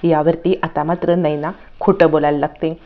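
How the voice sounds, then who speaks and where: A woman narrating a recap of a TV serial episode in a steady storytelling read, quoting each character herself. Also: sits low, normal speed. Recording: dull lo-fi recording.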